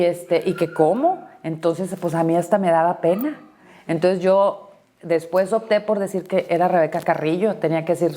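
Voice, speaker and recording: A woman's voice: on the low side, dark tone. A middle-aged woman from Mexico being interviewed, chatting through family stories with lots of "este" and "pues" fillers. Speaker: interviewee, former party leader. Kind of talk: casual interview storytelling. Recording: roomy echo, speaker far from mic.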